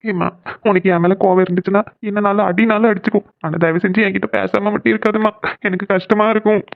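An actor voicing a young husband and emotional son in an animated family cartoon, who teases and then pleads. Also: medium pitch, fast, vocal fry, dry recording, lightly acted. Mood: pleading. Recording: dry, phone-like narrow sound.

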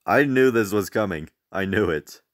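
A young man with a low voice reacts to a video from his home mic. He chats loosely, laughs at his own slips and pokes fun at himself. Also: animated, moderate pace. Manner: chatty, self-mocking, laughs often. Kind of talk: casual reaction commentary.

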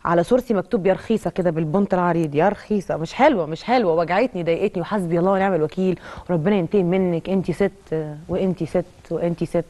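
Egyptian actress guest, talks super fast, emotional storytelling. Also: female voice, lowish voice, warm tone. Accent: Egyptian Arabic. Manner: emotional, tells anecdotes with acted quotes. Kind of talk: TV interview.

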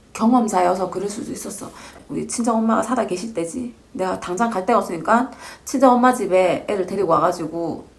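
A woman in her forties, a divorced mother, telling her own story in an earnest, reflective, casual way. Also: mid-range voice. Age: 40s. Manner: earnest, reflective, speaks in short informal phrases.

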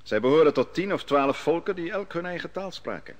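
For an old 1950s Dutch radio drama, a man with a fairly high, animated and natural-sounding voice plays a prophet narrating his story. He is a grown exile solemnly looking back on his youth at a foreign king's court, told with measured solemnity.

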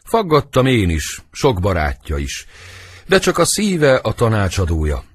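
A man reading the part of Montague, a worried noble father, in measured, husky verse for an audiobook. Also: fairly low pitch, huge pitch swings, heavily acted.

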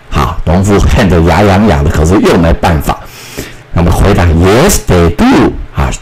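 Slow, lively man teaching English words. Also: sits low, low-quality recording. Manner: slow, drawn-out model phrases with a lively voice; sounds out spellings and repeats words. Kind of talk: recorded classroom lesson.

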